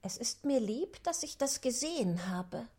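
A man's voice: very high-pitched, very animated, a little slow, dark tone, husky, exaggerated voice. A man voicing a polite but bold young girl in a storybook reading, in a prim, earnest tone. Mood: musing.

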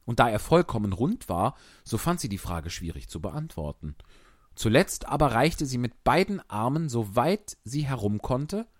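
A man narrating a storybook in an expressive, animated reading. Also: medium pitch, moderate pace, no room sound, studio quality.

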